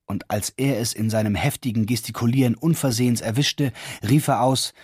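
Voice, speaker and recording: A man narrating an old fairy tale in a measured, old-fashioned storytelling manner for a radio drama. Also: medium pitch, a little mellow, husky, no room sound, clean studio sound. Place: studio.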